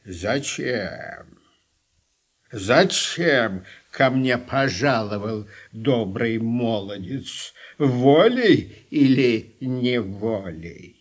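A cunning old witch from a storybook, acted out by a man, speaks in a low, husky voice. She drags her words out slowly and deliberately. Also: lively intonation. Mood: gruff, questioning. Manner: slow, drawn-out, deliberate. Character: cunning old witch Baba Yaga of folklore. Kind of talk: storybook character voice.

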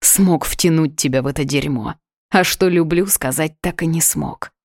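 A wounded young lover from an audiobook, quiet and full of guilt, voiced by the woman reading it. His lines come soft and low in a dry, close recording. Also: normal speed, no echo. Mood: guilty. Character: young man, injured and guilt-ridden lover.

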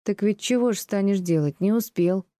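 A woman voicing a blunt, resentful peasant man who answers in curt, gruff retorts, as an audiobook reading. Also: medium pitch, moderate pace, warm tone, no echo, studio quality, voice pushed up, lightly acted. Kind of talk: audiobook reading of classic prose.

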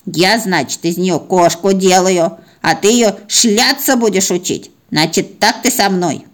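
A woman's voice: medium pitch, measured pace, natural voice. A woman voicing a bossy female house cat who lectures like an indignant mentor.

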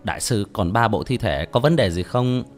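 A man's voice: on the low side, expressive, normal speed, faint music behind, close to an everyday voice. A man voicing a polite, deferential male police officer in an audiobook.

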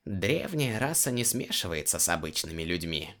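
A man's voice: sits low, sing-song, moderate pace, a bit bright, exaggerated voice. A male audiobook reader voicing a stern, teasing female shaman healer. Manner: scolding, teasing.

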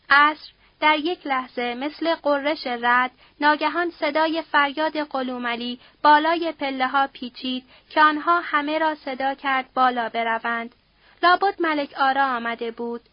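High-voiced woman narrating a novel. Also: dry recording, dull audio. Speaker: audiobook narrator. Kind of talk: literary narration.

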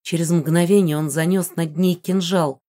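A woman narrating a first-person fantasy novel in an even, measured storytelling voice. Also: lowish voice. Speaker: audiobook narrator.

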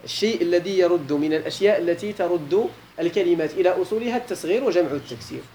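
A man's voice: high voice, animated, very fast, warm tone, a little hiss or hum. A man with a Moroccan accent teaching a classical Arabic grammar lesson, posing questions to his students and repeating key points, with colloquial asides.

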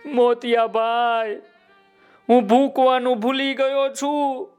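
A man's voice: very high-pitched, steady tone, slow, fairly bright tone, clear, resonant tone, faint music behind, voice pushed up, exaggerated voice. A man voicing a simple, tearful male donkey who has forgotten how to bray, pleading in a raised voice.

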